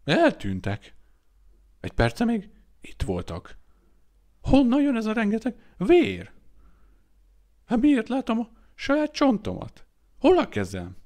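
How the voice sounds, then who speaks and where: A man voicing a bearded adult man in an audiobook, loud, shouting and frantic. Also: very high voice, huge pitch swings, pauses often, voice pushed up, exaggerated voice. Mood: bewildered. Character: bearded grown man, pompous then hysterical. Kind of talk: audiobook character voice.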